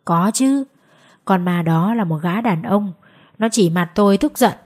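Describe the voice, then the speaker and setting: A woman voicing a loud, boastful middle-aged village man in a spoken ghost story. Her voice is husky and emphatic. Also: mid-range voice, lively intonation, unhurried. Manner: raised, emphatic.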